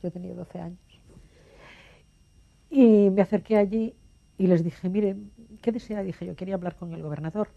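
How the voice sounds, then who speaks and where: A woman's voice: lowish voice, fairly even intonation, moderate pace, gravelly, long pauses, lo-fi sound. An older woman from Galicia recalling her past as a documentary witness, vividly acting out the voices in her memories. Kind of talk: personal recollection.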